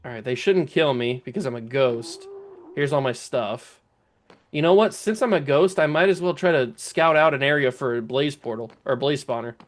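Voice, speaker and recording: A man giving casual commentary while playing a game, thinking aloud, talking to enemies, his voice a little rough and strained. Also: medium pitch, normal speed, slight background noise. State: voice going, clearing throat. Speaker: let's play gamer.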